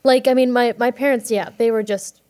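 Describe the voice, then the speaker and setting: A young woman chatting as a podcast guest, bubbly and quick, with many fillers and restarts. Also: on the high side, fairly even intonation, mellow. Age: young adult. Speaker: guest actor. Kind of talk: casual podcast chat.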